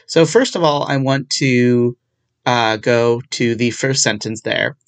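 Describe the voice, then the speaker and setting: A man's voice: medium pitch, steady tone, slow. A young man in law school hosting his own solo podcast, talking through a legal topic in a casual, self-deprecating way with dry sarcasm. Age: young adult. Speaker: podcast host.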